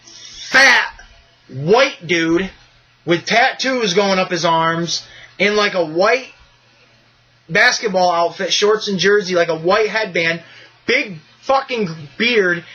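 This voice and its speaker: A man hosting a podcast in casual chat, excitable and rambling, swearing freely with bursts of enthusiasm. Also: high-pitched, slow pace, breathy edge, highs cut off. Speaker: podcast host.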